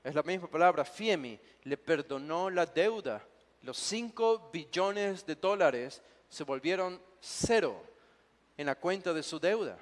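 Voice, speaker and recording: A man preaching an expository sermon as pastor, reading scripture aloud and stressing key points by repeating them slowly. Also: a little high, animated. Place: church sanctuary. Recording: long church hall reverb.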